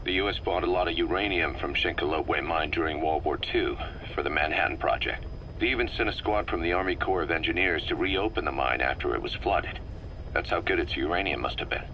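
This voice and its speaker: A video game intelligence officer with a low, sharp-edged voice briefs his commander in a measured, grave, expository manner, sounding analytical. The rough recording carries a light layer of noise.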